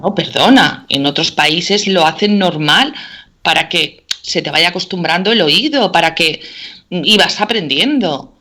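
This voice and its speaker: A woman's voice: lowish voice, measured pace, pushed and bright. A middle-aged woman from Spain, a teacher chatting casually and filling her talk with "o sea" and "¿vale?". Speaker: teacher and guest. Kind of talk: casual chat.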